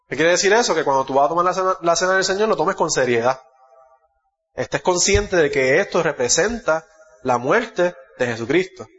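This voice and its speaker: Puerto Rican male preacher, explains scripture verse by verse, self-correcting, slightly high voice, muffled hall sound. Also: a bit bright. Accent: Puerto Rican Spanish. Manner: expository, reads Bible verses aloud, corrects himself. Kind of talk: sermon.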